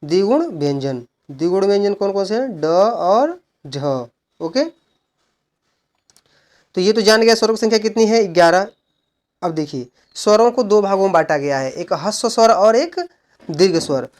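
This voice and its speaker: A male teacher giving an exam-prep grammar lesson, who asks questions and answers them himself while explaining slowly and repeating key points. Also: high voice, expressive. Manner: slow, repeated explaining with frequent "look" and "okay".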